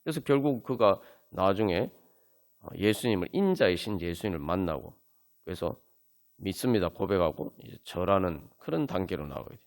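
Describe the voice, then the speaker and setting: Male pastor, Seoul Korean accent, lively swooping pitch, earnest sermon delivery with fillers and emphatic climbs. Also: normal speed. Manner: earnest preaching with many fillers, rising to emphatic peaks. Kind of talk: sermon at a Friday prayer meeting. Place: church sanctuary.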